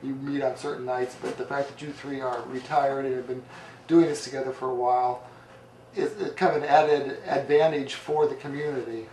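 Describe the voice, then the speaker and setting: A man's voice: medium pitch, flat delivery, normal speed, darkish tone, a little hiss or hum. A man hosting a casual radio interview, chatty with wry asides. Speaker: radio host. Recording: echoey room, heard from far off.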